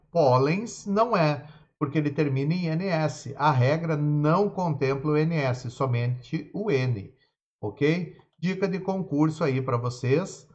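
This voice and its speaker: Guy teaching grammar, spells words out slow, kinda high voice, super echoey muffled recording. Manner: explanatory, repeats "ok?" and "tá?" checks; spells out examples slowly, syllable by syllable. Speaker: Portuguese teacher. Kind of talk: grammar lesson for exam students. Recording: very echoey room, dull lo-fi sound.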